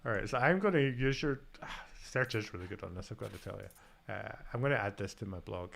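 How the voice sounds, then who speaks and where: A man with a light Scottish accent hosts a casual live-coding stream, thinking aloud about his steps as he types and making self-deprecating jokes. His fairly low, creaky voice is brisk and a bit bright, with slight background noise.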